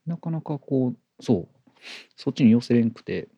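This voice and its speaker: The recording is muffled but echo-free: a warm, mid-range male voice with lively intonation at normal speed. He's a Kansai podcast co-host mixing Kyoto and Kobe speech, chatting casually and often echoing short agreeing words.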